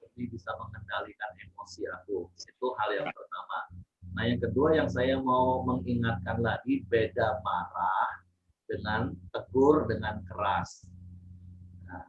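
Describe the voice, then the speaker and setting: A man's voice: lowish voice, roomy sound, distant mic, dull audio. A man leading a devotional gives a casual sermon, teaching plainly and repeating his points to his listeners. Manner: plain, repetitive teaching, addresses listeners as Bapak Ibu.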